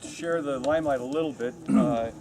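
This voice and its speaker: A man's voice: fairly high pitch, normal speed, very noisy. A man moderating a convention panel, enthusiastically introducing the guests and their careers.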